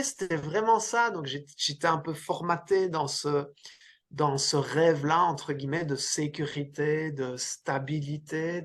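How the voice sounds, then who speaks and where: With a fairly high, slightly bright voice, a middle-aged coach from Belgium discusses his career as a guest in a relaxed interview. He speaks hesitantly, full of fillers and frequent restarts.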